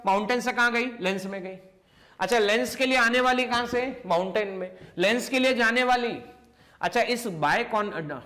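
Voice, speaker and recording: A man with a notably high voice lectures a physics class. He repeats each question and then answers it himself. He slows down deliberately to stress the important points. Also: bright, forceful tone. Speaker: physics teacher.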